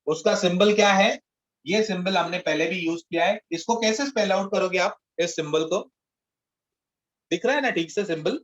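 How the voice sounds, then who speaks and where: A man's voice: sits high, normal speed, fairly bright tone, poor audio. A male physics teacher giving an online class, mixing Hindi and English and asking the class questions, repeating each key term.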